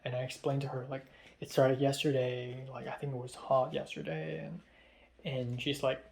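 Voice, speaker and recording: This young adult vlogger speaks Hong Kong-accented English in a raspy, muffled voice, mid-pitched and slightly mellow, with a level tone at a normal pace. His confessional talk wanders and turns self-deprecating, peppered with frequent "um"s.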